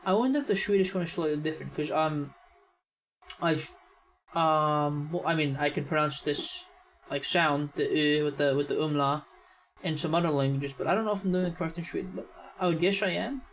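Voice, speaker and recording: A young man with an American accent talks through a video in an easygoing, meandering way, often padding his thoughts with "I mean" and "yeah". His voice sits a little higher than most men's. A faint hiss of noise runs underneath. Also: brisk, rough recording. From United States. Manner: relaxed, rambling, lots of "I mean" and "yeah". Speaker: reaction channel host. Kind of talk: casual video reaction commentary.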